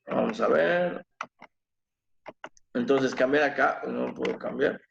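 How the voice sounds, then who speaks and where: A man teaching an online literature class, explaining slowly and patiently, with fillers and self-corrections. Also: medium pitch, vocal fry, highs cut off, slight background noise. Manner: slow, explanatory, counting syllables aloud with fillers and self-corrections. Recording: echoey room.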